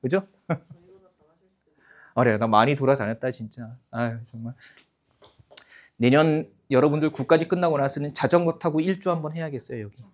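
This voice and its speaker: Speaking at a moderate pace with a medium pitch and frequent pauses, a man in his fifties lectures exam-takers. He keeps it chatty and animated, checks in with the room, and performs students' lines in put-on voices.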